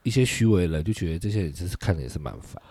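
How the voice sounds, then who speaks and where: Casual co-host, Taiwanese Mandarin man, low voice, lively swings in pitch, blunt and jokey. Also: very fast, slightly rough, no room sound. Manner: blunt, laughing, swears offhandedly. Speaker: podcast co-host. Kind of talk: casual chat.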